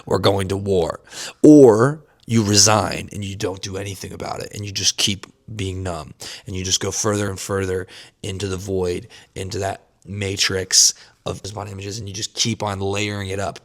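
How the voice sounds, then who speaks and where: Fast-talking, low-voiced young man. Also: little pitch movement. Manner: fast, rambling, earnest, repeats phrases. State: caffeinated and fasting. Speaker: vlogger on men's emotional growth. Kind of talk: unscripted talk to camera.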